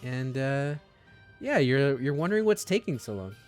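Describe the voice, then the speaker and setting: A man narrating as game master of a tabletop game, relaxed and often chuckling between ums. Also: medium pitch, moderate pace, soft background music.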